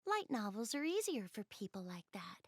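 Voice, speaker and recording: In an English video game dub for a visual novel, a woman voices a shy, bookish young goddess girl. Her mid-range voice is very animated at a normal speed, polite and earnest, enthusiastic yet bashful and hesitant as she rambles about her hobbies. The studio sound is clean, with no echo.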